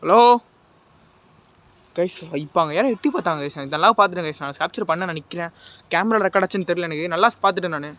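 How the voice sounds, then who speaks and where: A jittery man on a ghost-hunting vlog, his voice high and bright as he talks to camera. He keeps calling out nervously to unseen spirits, and his fear shows in every line. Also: quick pace. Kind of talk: night-time ghost-hunt vlog, talking to camera.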